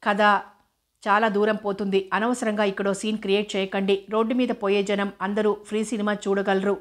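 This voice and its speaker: A woman reading the part of a calm, mocking man who needles his rival and lectures him. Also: mid-range voice, normal speed, natural voice. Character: smug, mocking adult man, cool under pressure.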